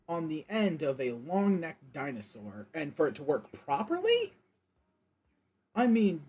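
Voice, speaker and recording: A man's voice: on the high side, a little mellow, breathy edge. A young man chatting casually on a gaming livestream, thinking aloud with lots of fillers as he reviews a viewer's creation.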